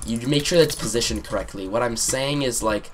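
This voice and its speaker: A man's voice: medium pitch, fairly quick, over music. Rambling teen boy gamer telling a story. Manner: rambling, sarcastic, bursts into excited yelps. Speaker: gaming commentator. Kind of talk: storytime commentary over gameplay. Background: keyboard clicks and typing.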